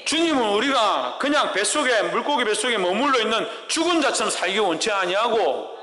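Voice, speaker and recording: A male pastor preaches in a church sanctuary, his voice set a little high and pushed forward with a tense, forceful edge. He keeps asking his listeners questions and answering them himself, and every line rings out through a roomy hall with a long, echoing tail. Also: animated, fairly quick. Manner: asks the congregation rhetorical questions and answers them. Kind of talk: sermon.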